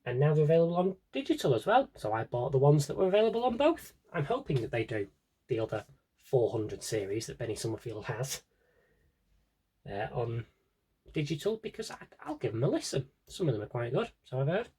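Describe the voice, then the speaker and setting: A vlogger showing off his audio drama CD collection chats to camera casually and unscripted, rambling with tongue-in-cheek asides. His mid-range voice is husky and dark, brisk, with big pitch swings.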